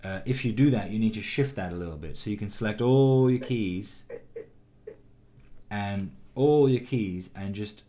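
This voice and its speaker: A man teaching animation, giving a calm, encouraging critique of a student's shot with frequent ums and restarts. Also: fairly low pitch, unhurried, slight background noise. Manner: calm, encouraging, many fillers. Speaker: animation instructor. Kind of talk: recorded critique of student work.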